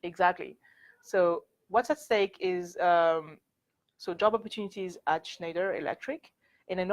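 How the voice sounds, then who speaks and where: In a university lecture room, a young woman from France leads a workshop, talking to students in an informal, candid and chatty way. Her medium-pitched, French-accented voice comes through poor audio, and she leans heavily on "like" and "actually."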